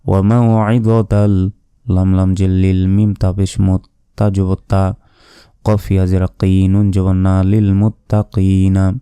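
A man teaching Quran reading, spelling out each letter and vowel mark, then reciting the verse slowly and drawn out. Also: sits low, flat delivery, mellow, clear, resonant tone, dry recording.

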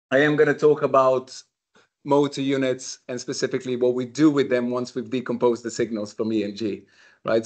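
Man, from Slovenia, university lecturer, middle pitch, casual lecture, ums and restarts. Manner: conversational, frequent ums and restarts. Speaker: university researcher giving a lecture. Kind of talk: academic lecture at a summer school. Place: lecture room.

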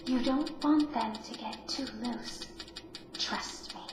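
An actress in a whispered role-play as a calm female animatronic in a horror game, giving soft instructions. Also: sits high, slow pace. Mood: calm, eerie. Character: soft-spoken female animatronic guiding a trapped victim. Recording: echoey, very noisy game playback.

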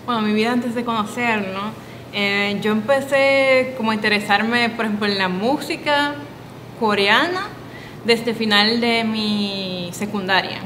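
A woman's voice: fairly high pitch, measured pace, big-room sound, background noise. A woman in her thirties from the Dominican Republic, a guest in a casual interview, speaking in a friendly, straightforward way. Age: 30s. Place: studio with dark curtain backdrop.

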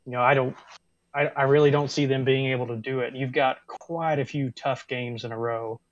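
A man's voice: mid-range voice, fairly even intonation, normal speed, no room sound. A man hosting a casual sports chat, steering from topic to topic with hedging fillers. His mic sounds dry and a bit dull, like a lo-fi setup.

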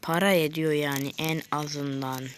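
A woman giving casual let's play commentary on a mobile game, chatting with viewers and scolding the game in slangy outbursts between quiet mutters. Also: low-pitched, fairly even intonation, unhurried, slight background noise. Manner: chats with viewers, drifts into mutters and whispers. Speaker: gaming video creator.

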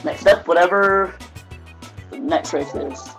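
A man's voice: high voice, gravelly, music in the background, poor audio. A young man chatting casually and joking while playing a racing game with his cousin. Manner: joking, rambling, quick laughs. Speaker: gamer recording a video. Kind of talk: casual gameplay chat.

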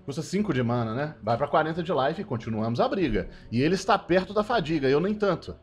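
A man with a Brazilian Portuguese accent commentating his own card-game match, excitable and breaking into shouted celebrations. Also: on the high side, fast talker, soft background music. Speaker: gameplay streamer.

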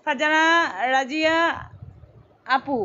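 A woman's voice: high voice, fairly even intonation, takes it slowly, fairly bright tone. A woman, selling clothes on a live stream, chatting and reading out buyer names. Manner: chatty, repeats sizes, reads out buyer names. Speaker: online clothing seller. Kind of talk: live-stream sales chat. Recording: dull lo-fi live stream with faint noise.

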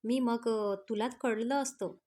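A woman voicing a feisty, sharp-tongued young wife in a storybook romance, scolding and teasing her husband. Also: a little high, fairly even intonation, takes it slowly.

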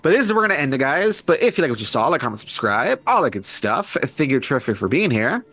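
Fast, animated man doing game commentary. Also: mid-range voice, husky. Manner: chatty, easily amused. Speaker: let's play host.

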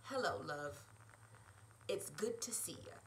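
A woman reading the lines of a smooth, teasing, charming Irish man in a romance story. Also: lowish voice, lively intonation, a little slow, a little hiss or hum, voice pushed down, rough recording.

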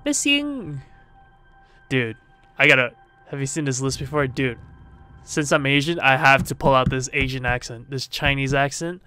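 A man's voice: mid-range voice, fairly even intonation, moderate pace, sharp tone, clear, resonant tone. A man hosting a horror game playthrough in jumpy, self-mocking, swearing chatter. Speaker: gaming video host. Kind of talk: casual horror game let's play. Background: faint game music.

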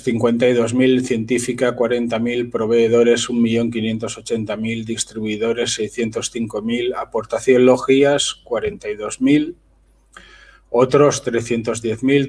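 A man, reading handwritten documents aloud in a flat, list-like way, with short comments in between. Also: mid-range voice, slightly rough. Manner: list-like reading with brief asides. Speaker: channel host. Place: voice-over on a screen recording.

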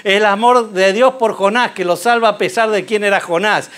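High-voiced man preaching a lively sermon. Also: normal speed. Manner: animated storytelling, rhetorical questions.

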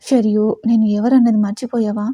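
A woman's voice: a little high, level tone, fairly quick, mellow, no room sound, lightly acted. A woman voicing a possessive, short-tempered young man who speaks in stern, commanding tones. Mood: stern anger.

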